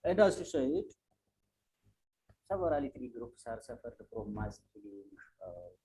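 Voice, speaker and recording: A soft-voiced man with an Ethiopian accent answers questions as an academic at a conference, speaking haltingly and repeating words. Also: mid-range voice, very animated, rough recording.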